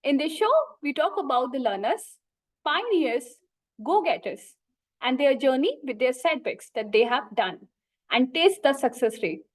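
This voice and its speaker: A woman with an Indian accent hosts a podcast interview. Her voice sits quite high. She speaks in an effusive, wordy way. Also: animated, moderate pace. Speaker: talk show host.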